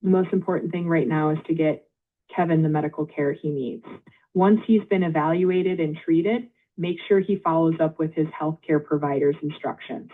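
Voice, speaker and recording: A woman's automated phone voice acting as an intake agent, polite and measured, reading back details in scripted prompts. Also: low-pitched, fairly even intonation. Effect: automated phone-line voice. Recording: tinny phone line.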